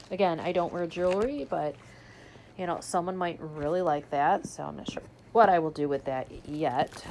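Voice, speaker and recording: Chatty lower-voiced woman unboxing. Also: darkish tone, slight background noise. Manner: chatty, describes each item as she unpacks it. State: hiccuping. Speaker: unboxing vlogger. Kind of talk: casual unboxing commentary.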